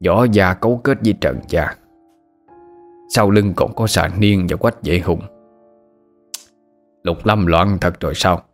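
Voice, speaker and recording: A man's voice: low voice, measured pace, long pauses, faint music behind. Man doing a whiny, scared old shopkeeper. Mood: grim. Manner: whiny, pleading, slippery. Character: frightened, evasive old male shopkeeper-informant.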